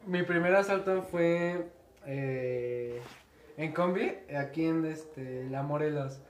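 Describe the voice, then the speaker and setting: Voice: medium pitch, takes it slowly. Mexican-accented co-host in an echoey, noisy room. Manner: frequent short backchannel, relaxed. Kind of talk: casual chat.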